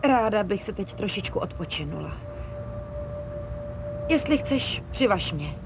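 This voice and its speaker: A woman dubbing a young captive daughter who stays guarded and calm. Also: mid-range voice, vocal fry, muffled recording, music in the background. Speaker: dubbing actor. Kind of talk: dubbed telenovela acting. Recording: noisy background.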